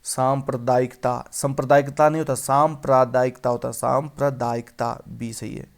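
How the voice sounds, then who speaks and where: Gravelly man drilling spelling answers. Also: medium pitch, little pitch movement, normal speed. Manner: repeats words and quizzes the viewer. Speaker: teacher. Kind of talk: exam-prep lesson on spelling.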